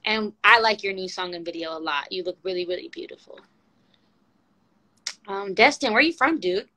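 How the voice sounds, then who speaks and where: A woman's voice: mid-range voice, moderate pace, sharp tone. A woman hosting a casual phone livestream, playful and teasing as she chats with her guests. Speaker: livestream host.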